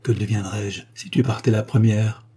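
A broken old father from a read-aloud novel, pleading and close to sobbing, as a man acts him out. His voice sits low and dark, with a husky grain. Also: fairly even intonation, moderate pace. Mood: despairing. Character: grieving old father, rich industrialist, despairing.

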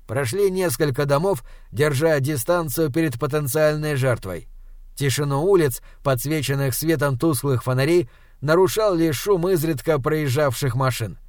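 A man's voice: on the high side, no room sound, studio quality. A man reading an audiobook aloud in scripted narration, storytelling evenly and acting out the dialogue. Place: home recording setup.

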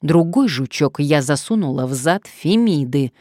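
A woman voicing a furious, sharp-tongued young woman who hurls scornful retorts in an audiobook. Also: deep voice, expressive, normal speed, dry recording, studio quality. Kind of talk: audiobook character reading.

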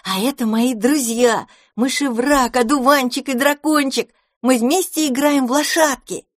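Woman doing a storybook kitten boy: high, squealing, eager, dry close sound. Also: unhurried, no echo. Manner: squealing, excited.

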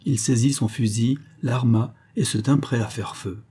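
A man reading a classic adventure novel aloud in a measured, even storytelling manner. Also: medium pitch, slightly rough. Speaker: audiobook reader.

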